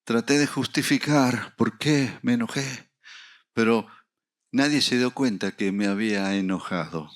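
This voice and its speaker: A middle-aged man preaching a sermon, telling a personal story with acted dialogue and rising to loud, emphatic peaks. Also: mid-range voice, unhurried. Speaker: pastor.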